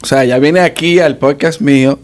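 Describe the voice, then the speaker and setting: A man's voice: a little high, normal speed. A man with a Dominican accent hosting a casual podcast chat in a studio, teasing his guest playfully. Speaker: podcast host. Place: recording studio.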